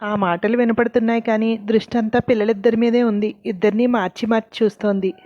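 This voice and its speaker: A woman narrating a scripted story with a steady, even reading. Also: on the high side, fairly quick, no room sound, dull audio.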